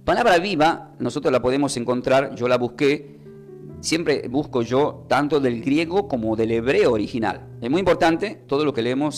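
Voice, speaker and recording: A man, preaching a live-streamed sermon as a pastor and explaining word meanings step by step. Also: medium pitch. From Argentina.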